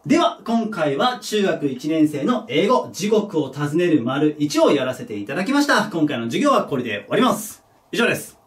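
A man teaching a junior high English lesson at a board, patient and step-by-step, checking in with his students and joking about his own mistakes. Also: very animated, normal speed, far from the mic. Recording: echoey room, voice from off the mic.

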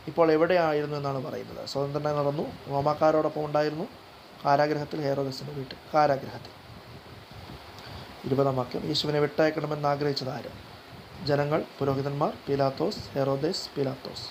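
A man's voice: fairly high pitch, steady tone, a little fast, gravelly, slight background noise, rough recording. Man reading out quiz questions and answers. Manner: reads options in a list, then repeats the answer, with small slips and restarts. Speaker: quiz guide reader.

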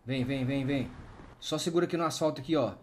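A man's voice: medium pitch, quick pace, a little hiss or hum. Urgent Brazilian man leading a game rescue. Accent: Brazilian Portuguese. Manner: urgent, commanding, counting out loud. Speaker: roleplay firefighter medic. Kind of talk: game roleplay over voice chat.

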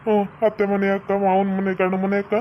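ಸಮಾಧಾನ ಮಾಡುವ ಹಳ್ಳಿಯ ಯುವ ಗಂಡ, ಮಹಿಳೆ ನಿರ್ವಹಿಸಿದ. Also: female voice, mid-range voice, completely flat delivery, fairly quick, highs cut off, slight background noise, lightly acted. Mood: soothing. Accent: North Karnataka Kannada. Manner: soothing, coaxing. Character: young village husband comforting his wife.

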